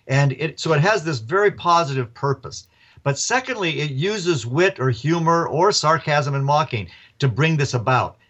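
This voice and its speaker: A man's voice: fairly high pitch, normal speed. Chuckling male author on a dull line. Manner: lively, chuckling storyteller. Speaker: author and professor. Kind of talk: radio interview guest.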